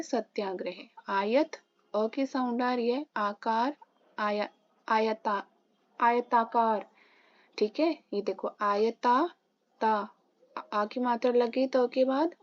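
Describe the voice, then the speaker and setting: A woman's voice: a little high, slow, no echo, muffled recording. A woman teaching a Hindi grammar lesson for exam preparation. She works through examples and answers her own questions.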